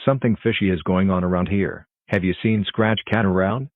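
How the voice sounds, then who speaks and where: Deep stiff guy as a worried cartoon dad, tinny phone-like audio. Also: brisk, no room sound. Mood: concerned, polite. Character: worried, suspicious cartoon father, polite and pleading. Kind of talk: scripted cartoon dialogue.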